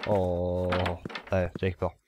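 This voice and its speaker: Jumpy low-voiced man playing horror. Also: monotone, dull audio, noisy background. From Sweden. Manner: jumpy, swears when startled, repeats phrases; nervous muttering to himself. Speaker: gamer playing a horror game. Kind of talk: let's play commentary.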